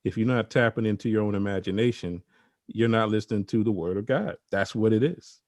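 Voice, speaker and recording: A man's voice: fairly low pitch, brisk, a little mellow, no room sound, clean studio sound. A man co-hosting a podcast, speaking reflectively and hesitating with fillers. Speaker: podcast co-host. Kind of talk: casual interview chat.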